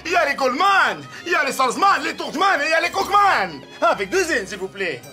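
A man's voice: extremely high pitch, big pitch swings, a little fast, sharp tone, faint music behind. A man doing crude comedy sketches in a brash, insulting, mocking way.

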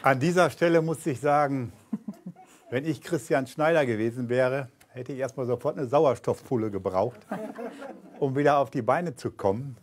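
A man's voice: medium pitch, normal speed, background noise. A man moderating a live book reading, chatty and joking, with hesitant fillers as he asks the author a question.

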